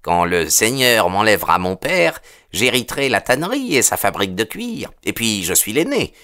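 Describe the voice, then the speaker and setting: A man's voice: lowish voice, sing-song, moderate pace, sharp tone, pitched above the performer's own voice, exaggerated voice. A man reading an audiobook, voicing an arrogant young man with a raised, insistent voice. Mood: boastful. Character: young man, arrogant elder's son, smug.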